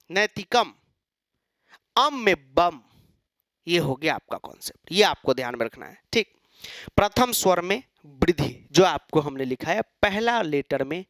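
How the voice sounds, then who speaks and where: A man's voice: high voice, fairly bright tone, no room sound, studio quality. A man teaching an exam-prep lecture, asking and answering his own questions and mimicking students.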